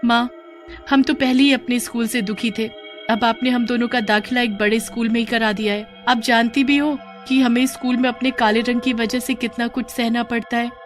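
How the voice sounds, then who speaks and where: A woman's voice: fairly high pitch, fairly even intonation, moderate pace, faint music behind, voice pushed up, natural voice. Woman doing earnest young schoolgirl sisters. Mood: sad. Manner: pleading and earnest. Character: two young schoolgirl sisters, hurt but brave.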